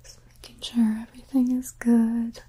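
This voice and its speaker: A young woman whispering softly and reassuringly, in a whispered medical roleplay as a paramedic. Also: on the high side, flat delivery, normal speed, breathy edge.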